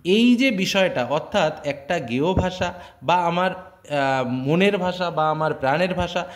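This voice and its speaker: A man's voice: fairly high pitch, expressive, a little slow. A man explaining a lesson to students, in a conversational way with many fillers and checking questions. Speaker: teacher.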